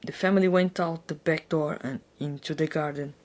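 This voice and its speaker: A woman giving a dramatic, hammy reading of a children's story in a deliberate, theatrical manner. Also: sits low, steady tone, darkish tone.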